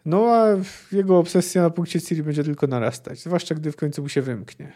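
Man, podcast host, book discussion, hesitant with lots of fillers, mellow slightly high voice. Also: fairly quick. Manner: hesitant, thinking aloud with many fillers. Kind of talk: book discussion podcast with read-aloud passages.

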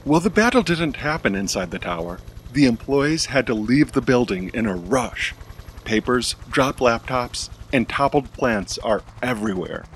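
A man narrating a superhero audio story in a lively storytelling way. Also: medium pitch, a little hiss or hum. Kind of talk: scripted narration.

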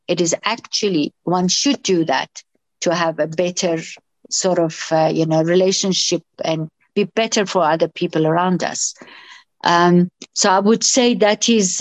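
A woman's voice: lowish voice, no echo. A middle-aged woman from Iran, a doctor and interview guest, who answers with many fillers and restarts.

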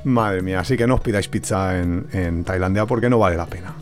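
Spanish man telling an animated story. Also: low voice, fast talker, faint music behind. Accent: Spain Spanish. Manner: animated, acts out quoted dialogue. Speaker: travel podcast co-host. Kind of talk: casual storytelling chat.

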